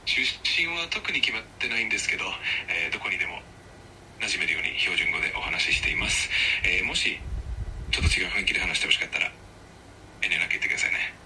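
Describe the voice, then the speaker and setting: A male AI assistant voice, low and gravelly with a fast, bright delivery. He stays polite and earnest, with stiff, formal phrasing even when he slips into a put-on Kansai dialect. The voice sounds somewhat distant from the mic, over a faint hiss. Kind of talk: polite scripted assistant chat.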